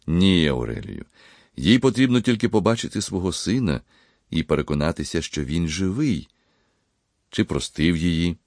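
A man voicing a gentle, devout young pharmacist who speaks quietly, slowly and sorrowfully. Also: low-pitched, expressive, no echo, clean studio sound.

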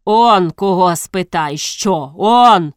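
A woman voicing a brash, mocking male guest who talks back with loud scorn, in a dry storybook reading. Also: on the low side, animated, slow pace, smooth, no echo. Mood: scornful.

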